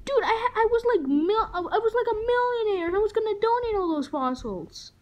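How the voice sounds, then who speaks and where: A woman voicing a hot-tempered young male plumber in a homemade toy movie, shrill and stammering when angry. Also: lively intonation, very slow, fairly bright tone, heavily acted. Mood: outraged.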